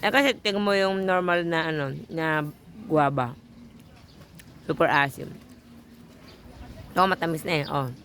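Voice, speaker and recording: A woman's voice: low voice, normal speed, pauses often, fairly bright tone, slight background noise. A woman with a Filipino accent chats casually at home in mixed Tagalog and English, teasing and coaxing like a parent. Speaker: parent filming a child's taste challenge.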